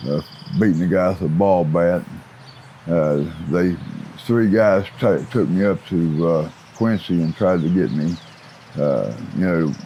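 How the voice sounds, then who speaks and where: A man in his fifties with an Appalachian accent, talking like a plain-spoken biker with rough folksy grammar as he answers interview questions about his life. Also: low-pitched, mellow. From West Virginia. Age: 50s. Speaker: interview guest, former biker gang associate. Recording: clear outdoor ambient noise.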